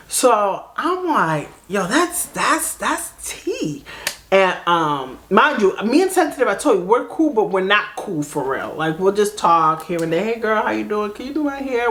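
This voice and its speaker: A young woman spins a dating story in a loose, chatty way, full of "like" and little asides. Her voice sits a little low, and she leaps up in pitch whenever she acts out what someone said. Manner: animated, acts out quoted voices with big pitch jumps; chatty, full of fillers like "like" and "blah, blah". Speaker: storytime vlogger. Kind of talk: casual storytelling.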